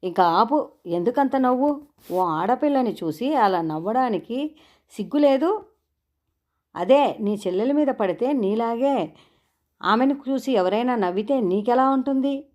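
An exasperated older male college principal who lectures and scolds, as a woman narrator puts him on. His voice is pushed higher and louder than the narration, with a stern edge. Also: moderate pace, muffled recording, close to an everyday voice. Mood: scolding.

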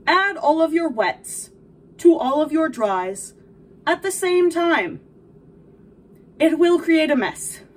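Young woman as a cheerful video game princess, dainty cooking-tutorial delivery, high and lively, recorded at a distance in a kitchen. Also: exaggerated voice. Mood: firm, emphatic. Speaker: host of a baking video. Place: small home kitchen, indoors. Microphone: camera a few feet away. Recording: distant mic, noticeable background noise.

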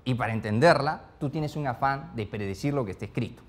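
A speed-reading course instructor leads an interactive class, animatedly asking the group one question after another and peppering his speech with "¿ya?" and "¿no?" His voice is mid-range and he talks fast.

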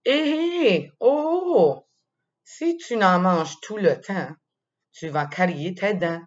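A woman's voice: fairly low pitch, lively intonation, takes it slowly. A woman with a Quebec French accent voicing a mother who scolds her child in a raised, sing-song tone. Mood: sing-song scolding. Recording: dull lo-fi sound.

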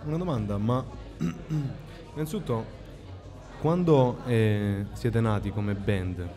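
A man's voice: fairly low pitch, slow pace, mellow, long reverb tail, soft background music. A man hosting a casual podcast interview, asking informal questions and mixing in English phrases. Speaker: podcast host.

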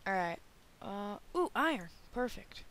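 A man's voice: high-pitched, very animated, measured pace, fairly bright tone. A teenage boy giving casual, rambling gameplay commentary, joking around and slipping into silly voices. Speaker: gaming video creator.

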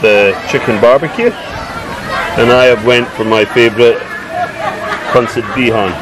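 Guy in his 50s chatting to a handheld cam outside, lots of uhs, loud crowd and traffic behind. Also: medium pitch, steady tone, unhurried. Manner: chatty, filler-heavy with frequent "uh". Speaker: vlogger. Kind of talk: casual travel vlog. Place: outdoor beach resort. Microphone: handheld camera at arm's length.

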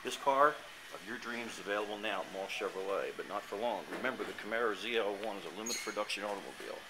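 A man giving an enthusiastic dealership sales pitch for a car, reciting specs in a showroom, recorded on a handheld camera. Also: quick pace. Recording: noisy showroom ambience.

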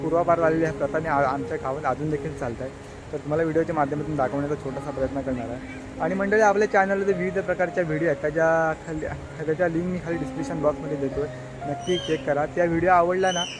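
A man's voice: on the high side, rough recording. Chatty village vlogger man, music behind. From Konkan, Maharashtra. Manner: chatty, addresses viewers directly, frequent restarts. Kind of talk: casual vlog narration. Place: village home and outdoors.

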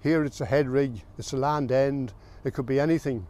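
An older man from the south of Ireland, a farmer recalling his family's history in a plain, unhurried way with small pauses. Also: medium pitch, dark tone. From south of Ireland, County Meath. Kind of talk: oral history recollection.

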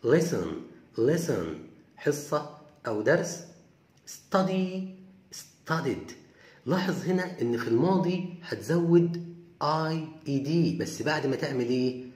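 A man with an Egyptian Arabic accent teaching English vocabulary, saying each word slowly several times and then explaining it. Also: fairly high pitch, lively intonation, darkish tone. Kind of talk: vocabulary lesson, reading words aloud and explaining. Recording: echoey room.

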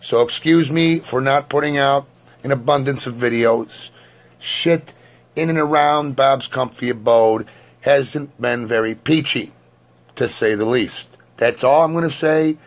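A hoarse man hosts his own lottery scratch-off show from home. He talks like a crude, wisecracking showman, wordy and full of off-color jokes, his voice sitting at an ordinary middle pitch. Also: a little slow. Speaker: host. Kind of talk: lottery ticket vlog chat.

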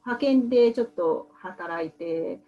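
A woman in her thirties who works as a medical translator, answering interview questions in a soft, hesitant way with many fillers. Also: fairly low pitch, animated, slow pace, lo-fi sound.

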